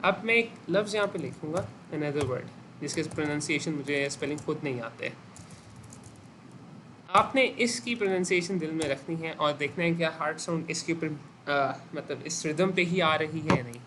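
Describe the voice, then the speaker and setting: His voice is a little high and his pace moderate, with background noise in the recording. The man, who has a Pakistani Urdu accent, teaches a medical class, questioning students and repeating their replies while mixing in English medical terms.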